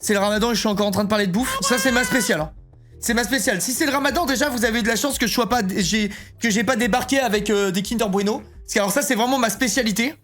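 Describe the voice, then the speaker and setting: A man's voice: very high-pitched, rapid-fire, a bit bright, soft background music. A man streaming live, chatting casually and joking while he reads his chat aloud.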